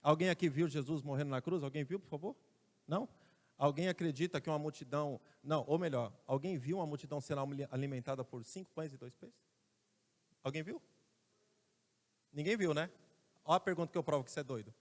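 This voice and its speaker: Brazilian male pastor, high voice, emphatic sermon delivery, long church reverb. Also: quick pace, long pauses. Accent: Brazilian Portuguese. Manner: emphatic preaching, has the congregation repeat phrases after him. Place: church sanctuary.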